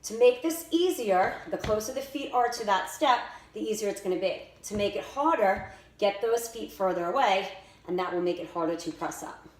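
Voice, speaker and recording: A woman's voice: medium pitch, animated, normal speed, a little mellow. A woman fitness instructor giving directive, step-by-step workout instruction and exercise cues. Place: indoors by a staircase. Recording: echoey room with faint noise.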